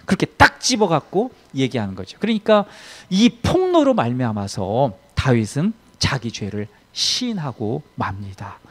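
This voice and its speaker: A man preaching a Sunday sermon as pastor, telling a story with emphatic swings in loudness. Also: mid-range voice, wildly swooping pitch, unhurried, few pauses, slightly rough.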